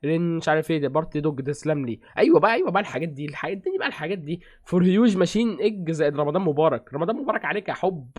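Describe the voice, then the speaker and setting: A man with an Egyptian accent chatting casually as a gaming streamer, rattling off quick thanks to donors. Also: fairly high pitch, animated. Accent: Egyptian Arabic. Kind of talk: casual game commentary.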